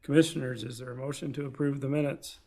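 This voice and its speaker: Guy chairing a commission meeting, measured and procedural, lots of gravelly fry in his voice. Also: medium pitch, steady tone, warm tone. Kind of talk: formal procedural meeting talk. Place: public meeting room.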